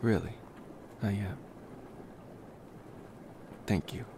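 In an intimate ASMR roleplay, a man plays a tender, smitten young college vampire, speaking softly and hesitantly with affectionate pauses. His voice is lowish, with background noise.

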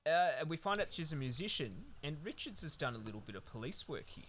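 A man with a bright, forceful voice co-hosts a casual film-review podcast. He rambles through the plot, swearing freely in a laid-back drawl. Faint noise hums underneath. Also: fairly high pitch, sing-song, fast talker. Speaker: podcast co-host.

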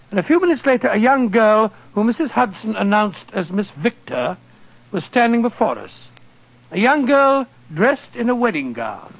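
An actor playing a genial, older English doctor in a 1940s radio drama, avuncular, blustery and easily flustered as he tells his adventures. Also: sits high. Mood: storytelling. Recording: dull lo-fi 1940s radio recording.

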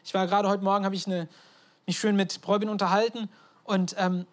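A woman preaching a conversational sermon. She tells the story in a lively way and asks her listeners questions. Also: mid-range voice, brisk. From abroad, moved to Germany.

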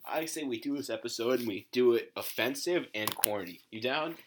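A man chiming in on a comedy podcast with dry, teasing remarks in a casual tone. His voice sits at a typical pitch. Faint hiss lies behind it. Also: animated, moderate pace. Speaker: podcast co-host.

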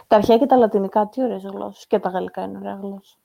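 A woman co-hosting a podcast in casual chat, talking in a chatty, animated way. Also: mid-range voice, gravelly, dull audio. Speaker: podcast co-host.

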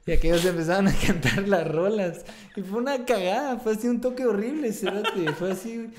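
A man's voice: high voice, a little fast, slight background noise. A young man with a Guatemalan accent, a band singer and guitarist, telling a story in casual slang, full of tag questions and swearing. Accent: Guatemalan Spanish. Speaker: band vocalist and guitarist, guest.

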